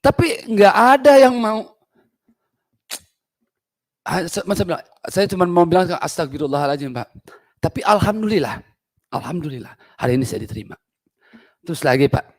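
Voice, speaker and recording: A man from Indonesia testifying as a local resident at a parliamentary hearing, earnest and emotional, deferentially addressing the officials again and again. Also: mid-range voice. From Indonesia, Parung Panjang. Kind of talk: impassioned public testimony.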